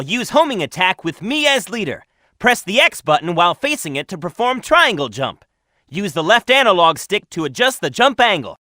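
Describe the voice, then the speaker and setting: A man's voice: high-pitched, bright, forceful tone, dry recording, clean studio sound, exaggerated voice. A man voicing a cocky, daring young hedgehog hero in a video game, with a breezy, confident manner.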